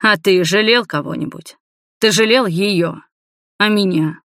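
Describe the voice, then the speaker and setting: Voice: medium pitch, a little slow, dry recording, studio quality, voice pushed up. A reader voicing a heartbroken young man who cries out in raw anguish in an audiobook. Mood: bitter. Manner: anguished shouting, then hushed.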